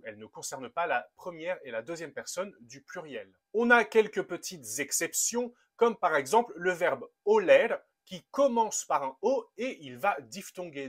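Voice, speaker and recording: A man teaching a language lesson, upbeat and methodical, slowing down to spell out each verb form. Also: a little high, fairly bright tone. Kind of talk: explaining grammar to a camera.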